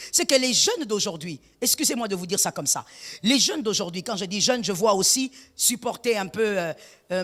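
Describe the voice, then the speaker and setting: A female pastor delivers a forceful sermon packed with rhetorical questions, dropping in Lingala phrases and shouting at its peaks. The recording has the sound of a big room.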